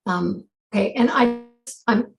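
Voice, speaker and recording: A woman commissioner in a public meeting, speaking haltingly over a video call whose audio keeps cutting out. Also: on the high side, creaky. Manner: halting, hesitant. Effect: video-call audio cutting out and breaking up. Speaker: planning commissioner.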